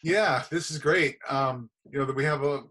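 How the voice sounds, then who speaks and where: A middle-aged man hosts a church interview show over a video call. He sounds relaxed and a bit hesitant, filling his pauses with "um". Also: medium pitch. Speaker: host. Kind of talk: casual interview intro.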